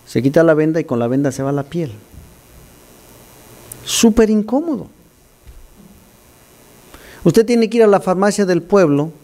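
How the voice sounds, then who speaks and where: A man preaching an animated, teaching sermon to his congregation. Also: fairly high pitch. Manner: animated, teaching, scolds listeners for distracting him. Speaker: pastor.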